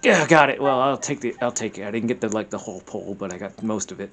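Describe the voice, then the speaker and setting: Man, gravelly co-op gamer, laid-back chatter that trails off, faint music behind. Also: fairly low pitch, fast talker, a bit bright. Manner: laid-back, chuckling, trailing off mid-sentence. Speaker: co-op game player. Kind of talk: casual gameplay chat.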